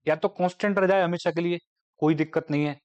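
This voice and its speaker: A man, his voice sitting a little high, teaching a math lesson. He walks through each idea step by step, mixing in English terms and slowing way down whenever he dictates a definition. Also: fairly even intonation, a little mellow, dull audio. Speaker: math lecturer. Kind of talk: classroom lecture.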